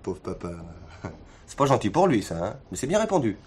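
A man's voice: mid-range voice, very animated, fairly quick, darkish tone, a little hiss or hum, natural voice. An actor playing a defiant militant man under arrest who mocks the police and preaches politics, in 1970s TV drama style. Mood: mocking. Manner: mocking, clowning, preachy.

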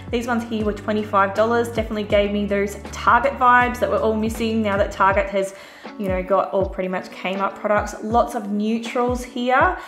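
A chatty woman talks through a store haul in a relaxed, easygoing way, full of little fillers. Her voice sits at an ordinary middle pitch. The recording is roomy, with faint music underneath. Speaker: vlogger. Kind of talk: casual shop-with-me voice-over.

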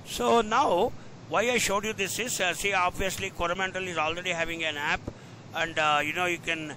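Indian man, lecturer on a video call: bright, forceful voice, questioning and repetitive delivery, slight rumble behind him. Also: fairly even intonation, normal speed, low-quality recording. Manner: questioning, prodding the audience, repeating key phrases. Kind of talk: informal online lecture mixing English and Hindi. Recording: rumbly background noise on online call.

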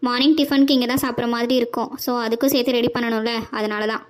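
A woman voicing a practical, caring older sister who gently scolds her brother, in a cartoon. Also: a little high, fairly even intonation, fast, a little hiss or hum, natural voice. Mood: motherly. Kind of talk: cartoon voice acting.

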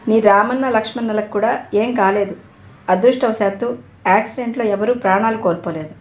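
A woman's voice: on the high side, a little fast, natural voice. A woman narrator voicing a cheerful young male doctor who talks in a playful, teasing way. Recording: roomy echo.

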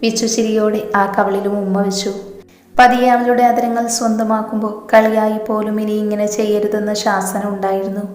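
A woman narrating a romantic storybook in an even reading with wry asides, in a room with long reverb. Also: mid-range voice. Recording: roomy echo with long reverb.

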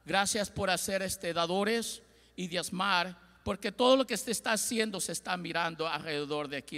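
A middle-aged pastor from Ecuador delivers a Spanish-language sermon on a large church stage, holding a handheld mic, gesturing and pacing as he calls for responses from the congregation. His voice is high, pushed and bright, and the recording carries long hall reverb.

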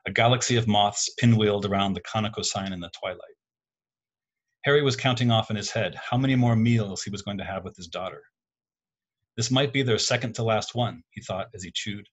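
A man reads his own literary fiction aloud at an even, measured pace. His voice is low with a husky grain. He narrates steadily. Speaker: contest winner reading his story.

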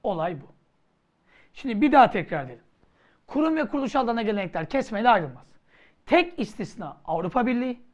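A woman teaching a grammar lesson for exam preparation, theatrical, with mock scolding and sudden shouts. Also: on the high side, big pitch swings, fast talker, pauses often, lo-fi sound.

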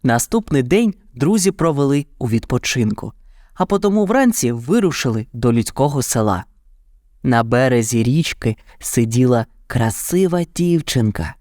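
A man narrating a children's fairy tale in an even, dramatic storytelling manner. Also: mid-range voice, moderate pace, no echo, clean studio sound.

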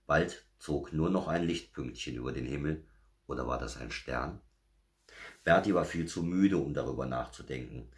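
A man narrating a children's story in a gentle, measured storytelling manner. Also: extremely low pitch.

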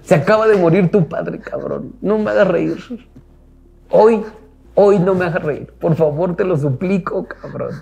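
A man's voice: high voice, measured pace, gravelly, mellow, pitched above the performer's own voice. A man with a Mexican accent voicing his elderly widowed mother, who begs him between laughs to stop making her laugh. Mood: laughing, pleading. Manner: pleading between fits of laughter.

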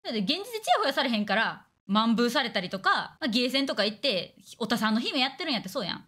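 A young woman streamer with a Kansai accent rattles through a casual chat at high speed. Her voice sits slightly high and swings widely in pitch. She talks bluntly and crudely. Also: big pitch swings, pushed and bright. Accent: Kansai Japanese. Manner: blunt, crude, fast banter with acted-out quotes.

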